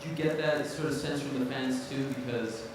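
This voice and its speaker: A man's voice: mid-range voice, steady tone, a little fast. A man working as a reporter, putting long questions to people at a press conference. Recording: cavernous echoey hall, distant, noisy.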